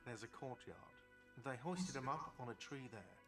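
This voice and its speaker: A man's voice: mid-range voice, animated, normal speed, very echoey, distant mic, over music, natural voice. A man voicing a whiny, irritable café manager who talks in a defensive, grumbling way.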